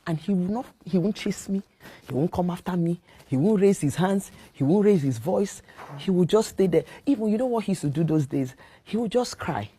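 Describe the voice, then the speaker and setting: A woman's voice: lowish voice, animated, brisk, mellow, slightly rough. A woman on a talk show, candidly telling her own story in a self-mocking way. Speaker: guest, pastor's wife.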